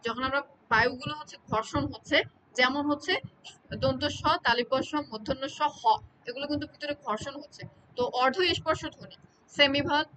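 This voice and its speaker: Woman lecturer, high-pitched, patient, repeats examples, checks in often, light hiss behind. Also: fairly quick, bright, forceful tone, poor audio. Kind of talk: exam-prep lecture.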